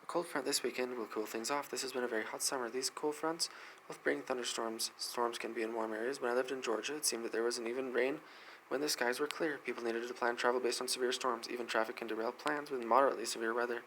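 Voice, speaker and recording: A man reads weather news at a brisk clip, his voice gravelly with a rough edge. He stumbles and restarts now and then as he hurries through the articles. A faint ambient hum sits underneath. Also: mid-range voice, steady tone, a bit bright, rough recording. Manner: fast reading with frequent slips and restarts. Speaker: host of a weather news segment. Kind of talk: reading news articles aloud.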